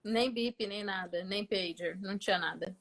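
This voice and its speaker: A woman hosting a casual chat, relaxed and brief, sharing a short anecdote. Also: medium pitch, normal speed, vocal fry. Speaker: host.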